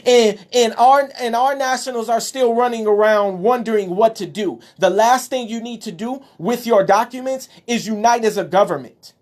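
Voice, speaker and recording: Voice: medium pitch, normal speed, few pauses, darkish tone. A speaker giving an impassioned, preachy monologue while showing documents, winded at times. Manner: preachy, emphatic, exclaims at times. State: out of breath. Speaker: speaker addressing followers.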